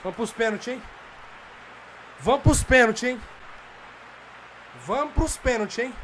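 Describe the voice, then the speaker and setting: A Brazilian gamer with a very high-pitched voice, speaking a bit slowly, commentates live over background noise. Excitable, he swears and urges his players on at the screen but holds back from shouting because it's late.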